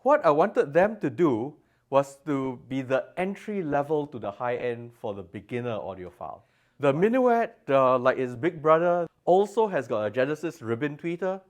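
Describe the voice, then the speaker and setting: In an exhibition room at an audio show, a designer presents his products for an interview, putting emphasis on the technical details. He talks at normal speed in a medium-pitched, very animated voice.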